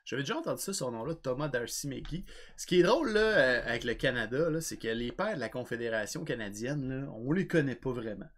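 A man's voice: mid-range voice, expressive, brisk, fairly bright tone. A man with a Québécois French accent co-hosting a casual podcast, teasing his partner and reading facts aloud with lots of "là". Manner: teasing, reads facts out, frequent fillers like "là". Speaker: podcast co-host. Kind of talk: casual chat.

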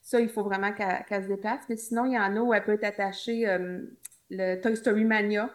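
A woman with a Québécois French accent chats as a podcast guest. She tells stories at length in a casual way, slipping in jokey asides, her voice sitting at an ordinary medium pitch. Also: steady tone, fast. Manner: chatty storytelling, jokey asides. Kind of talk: casual chat.

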